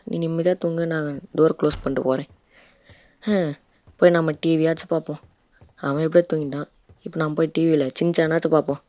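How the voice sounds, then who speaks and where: A man's voice: on the high side, a little mellow, dry recording. A Tamil man doing casual let's-play commentary, chatting and playfully scolding a baby in the game. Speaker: gaming YouTuber.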